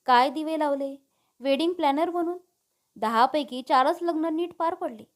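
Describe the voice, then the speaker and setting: Fussy mother, nagging, teasing, high voice, woman narrator doing her. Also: moderate pace, lightly acted. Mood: scolding, teasing. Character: scolding middle-aged mother, fussy and teasing.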